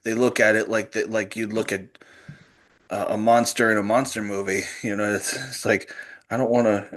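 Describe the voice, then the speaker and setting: Low-voiced host, eager. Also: male voice, steady tone. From North Shore of Boston, USA. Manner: eager, halting, laughs often. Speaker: podcast host. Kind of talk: casual interview chat.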